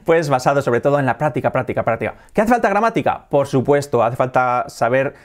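A man from Spain with a Spanish accent, teaching English in a video lesson to camera, jokey and animated, imitating good and bad English pronunciation. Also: mid-range voice, quick pace. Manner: animated, jokey, often laughs at own examples; imitates mispronounced and native English for contrast.

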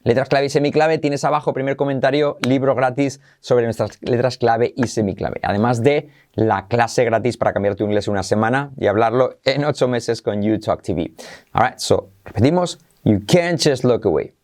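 A man teaching English pronunciation in a bilingual lesson, upbeat, drilling phrases slowly and repeating them. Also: mid-range voice, fairly even intonation, a little mellow.

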